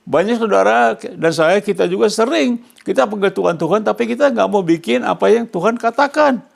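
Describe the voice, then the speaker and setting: Gravelly-voiced male pastor preaching. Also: sits high, animated, a little fast. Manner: asks the congregation questions and answers them himself, rising loud on quoted words. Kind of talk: sermon.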